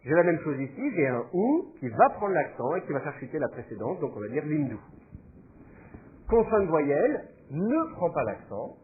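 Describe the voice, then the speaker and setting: A man's voice: fairly high pitch, big pitch swings, normal speed, narrow, tinny audio. A man teaching a class, explaining patiently and thinking aloud with fillers as he goes. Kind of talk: classroom lecture.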